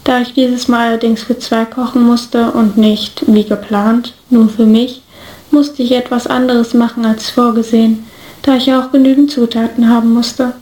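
A woman reads a story aloud with steady, even storytelling. Her voice is mellow and sits fairly high. It rings in an echoey room. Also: normal speed. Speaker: reader.

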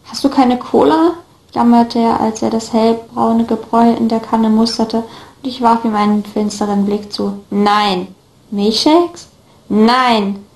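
A woman's voice: on the high side, level tone, unhurried, a little mellow. A woman voicing a whiny young male student in a storybook reading, pleading in a slightly raised voice, in an echoey room. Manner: whining, pleading.

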